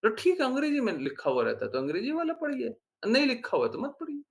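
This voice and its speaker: A man giving an informal devotional talk as a spiritual teacher, animated and scolding with rhetorical questions. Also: very high voice, quick pace, vocal fry.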